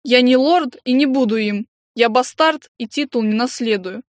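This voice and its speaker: A woman's voice: fairly high pitch, moderate pace, dry recording, studio quality, lightly acted. A woman voicing a sulky, rude teenage boy who talks in a petulant, indignant way. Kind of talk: audiobook character voice.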